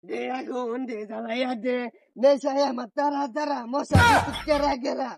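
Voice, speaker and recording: A woman's voice: sits high, steady tone, moderate pace, gravelly, a little hiss or hum. A woman with a Bangladeshi Bengali accent playing a belligerent, rambling drunk in an amateur comedy skit. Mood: rowdy, belligerent.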